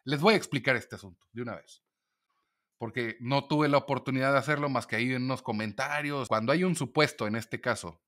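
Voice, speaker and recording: A man's voice: mid-range voice, a little fast, fairly bright tone. A Mexican man, a lawyer, explaining a legal point in a casual monologue video and acting out quoted dialogue as he goes.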